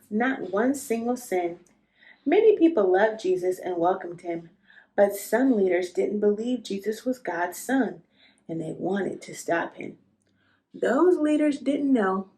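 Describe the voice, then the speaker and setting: Speaking in a warm, mid-range voice, a woman narrates a storybook for young children with plenty of expression, taking her time as a read-aloud host.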